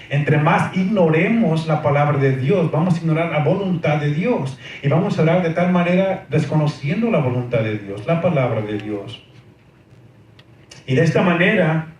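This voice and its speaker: A man's voice: a little high, a little mellow. A man preaching a sermon, emphatic, asking the congregation questions and often saying amén. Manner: emphatic, repeats amén, asks rhetorical questions. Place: church hall. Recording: very echoey hall, distant mic, faint noise.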